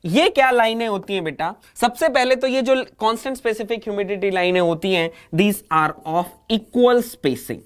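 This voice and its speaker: A man's voice: sits high, normal speed, few pauses, smooth. Male teacher drilling with repeated questions. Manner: repeats questions and answers, calls students child. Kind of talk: exam coaching lecture.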